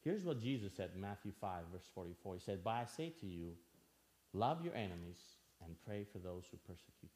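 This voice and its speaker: A man's voice: lowish voice, darkish tone. A man from Albania preaching a sermon in church, earnest, asking the listeners questions and repeating phrases for emphasis.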